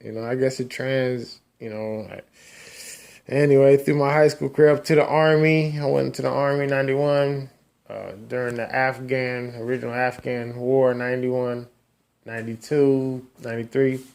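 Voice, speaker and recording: A man in his forties telling his religious testimony in a rambling, halting way, with many restarts and trailing asides. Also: mid-range voice, flat delivery, creaky, darkish tone. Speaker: person sharing a testimony. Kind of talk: casual personal testimony.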